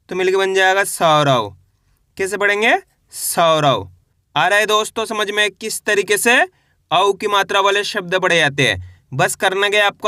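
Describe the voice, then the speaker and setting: Bright-voiced man teaching reading, syllable by syllable. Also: high-pitched, no room sound, clean studio sound. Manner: slow syllable-by-syllable, repetitive drilling; encouraging, addresses viewers as friends. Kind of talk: spelling-out reading lesson.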